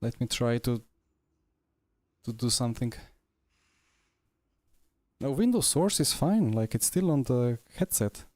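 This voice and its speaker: A man with a Slovenian accent streams a sim race, chatting live to viewers over a wireless headset mic in short, fragmented bursts as if talking to himself. His mid-range voice is expressive, a little slow and darkish, with frequent pauses. There's no echo, just game car noise underneath.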